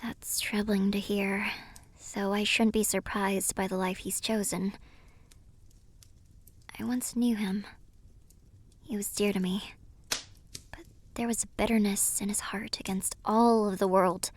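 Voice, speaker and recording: A woman acts the part of a soft-spoken, mysterious siren in a cinematic audio roleplay, her mid-range voice steady and only lightly acted. Guarded and wistful, she speaks with measured care and often falls into a breathy whisper, the mood hushed and regretful.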